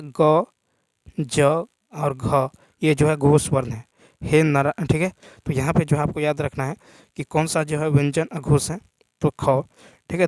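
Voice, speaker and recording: A man teaching an exam-prep lesson in a slightly high voice. He works steadily through practice answers and keeps checking in with "thik hai". The sound is dry and close, with no room echo. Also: darkish tone. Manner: repetitive, says "thik hai" often.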